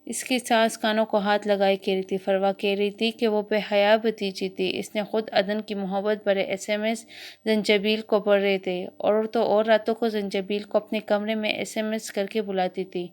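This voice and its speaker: Female audiobook narrator, steady, smooth clear voice, mid pitch. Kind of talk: scripted narration.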